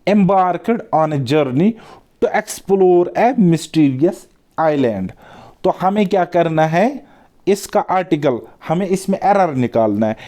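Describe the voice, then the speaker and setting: A male teacher giving an exam-prep grammar lesson, coaxing his students with repeated words and quick questions. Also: on the high side, dark tone.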